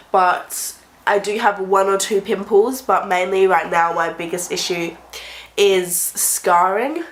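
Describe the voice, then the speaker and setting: A beauty vlogger with a mid-range, fairly bright voice talks casually to camera about her personal experience. She's sick with a blocked nose and breathes through her mouth, and the sound is echoey and roomy.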